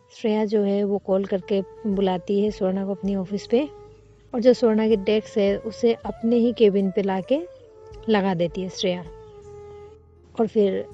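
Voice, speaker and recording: A woman's voice: mid-range voice, dark tone, lo-fi sound. A woman narrating a romance story in a conversational storytelling way.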